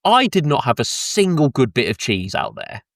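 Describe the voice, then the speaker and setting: In a casual podcast chat, a young man from Britain, one of the co-hosts, tells a rambling anecdote laced with swearing, laughter and plenty of ums. His mid-range voice is sing-song and fairly bright at a normal speed, and the close mic gives a clean, dry studio sound with no room.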